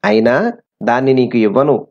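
A man's voice: mid-range voice, expressive, moderate pace, darkish tone. A man voicing an honest, brave young schoolboy in a plain reading voice. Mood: indignant. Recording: slightly muffled recording.

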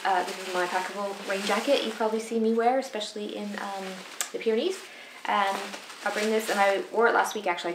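A woman in her thirties talks casually to camera, pitched a little low, chatty and full of asides. She sits in a bright home room that rings with echo. A steady hiss of noise sits under the voice. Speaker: cycling vlogger. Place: sunny home room with shuttered window. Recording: echoey room with audible noise.

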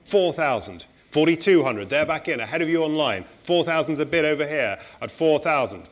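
Man, middle-aged, auctioneer, brisk polite bid calling, saleroom, room mic. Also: fairly high pitch, lively intonation.

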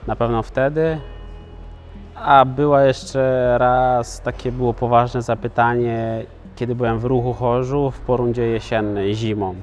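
A man's voice: medium pitch, little pitch movement, unhurried, soft background music. A man in his thirties, a footballer, answering interview questions casually, with many filler sounds and restarts. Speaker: professional footballer, guest.

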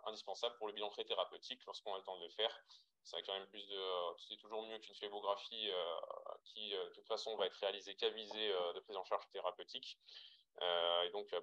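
Bright-toned French man lecturing with fillers. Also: fairly low pitch, dull audio. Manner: hesitant, many fillers and restarts. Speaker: radiologist giving a webinar talk. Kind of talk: slide lecture to trainees.

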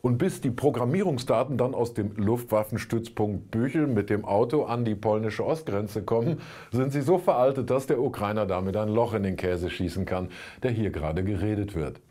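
A sardonic man in his 60s sits at a studio desk and picks apart the week's politics on a satirical show, presenting scripted commentary in a colloquial style. His voice is on the low side and dark in tone, at a moderate pace.

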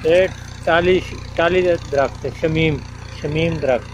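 A man's voice: a little high, fairly even intonation, muffled recording. A young man from Pakistan, chatting casually as he walks through farm fields and points things out on his phone camera. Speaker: village vlogger. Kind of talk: casual walking vlog narration. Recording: noisy outdoor phone recording.

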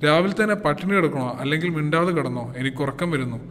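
A tart, sharp-tongued wife who scolds her husband, voiced by a man reading the story. The voice runs slightly high, and a long reverb hangs after each line. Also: quick pace, natural voice. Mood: scolding.

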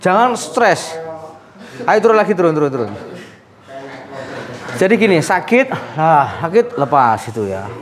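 A man's voice: on the high side, very animated, a little slow, long pauses. A man, a sports massage therapist who chats and coaxes his patient through a treatment, often laughing. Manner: chatty, coaxing, often laughing.

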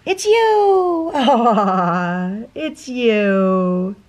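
A woman's voice: on the high side, animated, drawn-out words, a little mellow. A woman in her thirties filming a casual meal prep vlog in her home kitchen, chatty and often stopping herself mid-sentence to start over. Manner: chatty, self-interrupting, laughs at her own slips. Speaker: cooking vlogger. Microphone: camera mic at arm's length and on the counter.

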